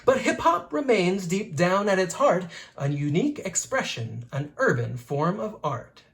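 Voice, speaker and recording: Like a teacher with children, a reader shares a rhyming picture book aloud in an expressive, playful, rhythmic way. The voice is medium-pitched and unhurried.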